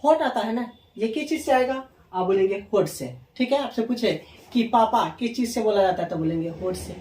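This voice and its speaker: A woman's voice: on the high side, lively intonation, normal speed, mellow. Woman teacher going letter by letter, sounds far off in an echoey room. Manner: asks questions and answers them herself; spells out letters one by one. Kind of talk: Hindi grammar lesson.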